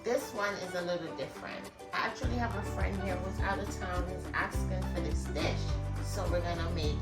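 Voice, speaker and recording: A cooking vlog host with a lowish, gravelly voice addresses her viewers directly in a chatty, conversational way while demonstrating a dish. She sounds distant and off the mic, in a roomy space with music in the background.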